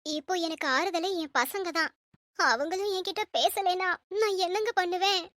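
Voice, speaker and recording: A woman's voice: very high-pitched, normal speed, a bit bright, dry recording. A woman playing a worried, scheming middle-aged mother in a family drama skit, speaking in a plaintive, pleading way. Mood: tearful.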